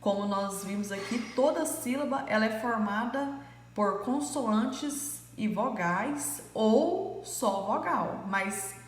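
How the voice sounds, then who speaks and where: A woman's voice: fairly high pitch, expressive, slow. A woman primary school teacher, patiently going over answers in a recorded lesson with frequent fillers. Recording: echoey room with long reverb.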